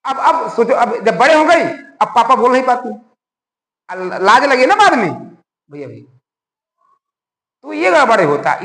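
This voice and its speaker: High-voiced animated teacher. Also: male voice. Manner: animated, conversational, asks the class rhetorical questions. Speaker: school science teacher. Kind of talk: classroom lecture. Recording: echoey room with long reverb.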